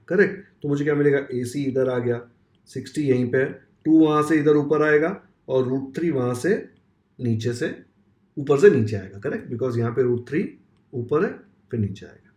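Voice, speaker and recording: Teacher in an echoey room, Indian accent. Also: male voice, on the high side, a little mellow. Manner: explains step by step, often asking rhetorical checks. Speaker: maths teacher. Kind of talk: Hinglish classroom lesson. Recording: roomy echo.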